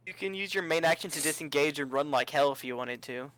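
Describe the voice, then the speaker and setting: A man's voice: on the high side, fast talker, fairly bright tone, no room sound, rough recording. A man playing a tabletop game with friends, joking in slang and explaining the rules. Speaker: player. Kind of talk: casual tabletop game chat.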